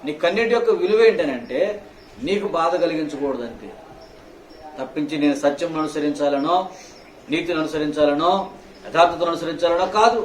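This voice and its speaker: Fast, scolding male preacher in an echoey hall. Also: recorded from a distance. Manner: scolding, firing rhetorical questions at listeners; swings between loud outbursts and hushed low phrases. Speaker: pastor. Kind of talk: sermon. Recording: echoey hall, faint room noise.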